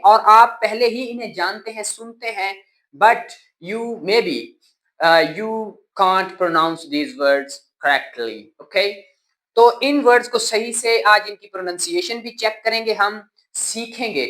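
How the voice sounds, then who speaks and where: Slow-speaking male teacher drilling words. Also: high-pitched. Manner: repeats each word three times, loud and emphatic on drill words. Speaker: English teacher. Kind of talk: spoken English lesson with repetition drills.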